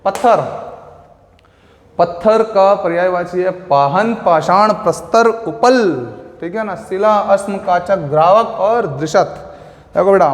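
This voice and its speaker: Male tutor, high voice, chatty drill style, asks and answers himself, echoey hall sound. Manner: repetitive, asks and answers his own questions; playful memory tricks, addresses listeners as beta and bhaiya. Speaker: teacher. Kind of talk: exam-prep Hindi vocabulary lesson. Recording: echoey room with long reverb.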